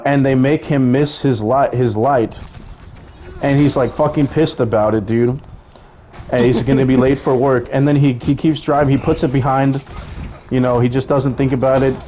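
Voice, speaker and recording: A young man casually pitching a film idea, rambling and profane, often laughing at his own story. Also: warm tone, slight background noise.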